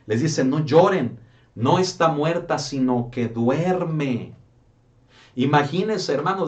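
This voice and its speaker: A male pastor delivers a sermon at a middle pitch. He preaches with rhetorical questions and keeps calling his listeners brother. His voice sounds set back from the microphone. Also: a little mellow, recorded from a distance.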